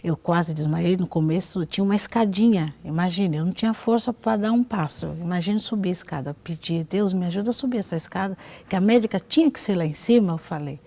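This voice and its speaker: A Brazilian woman shares her personal testimony in a TV interview, speaking in a mellow, low-toned voice with a gravelly edge. She brings the story to life by acting out the voices of the people in it. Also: brisk, hardly any pauses. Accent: Brazilian Portuguese. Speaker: guest giving a testimony.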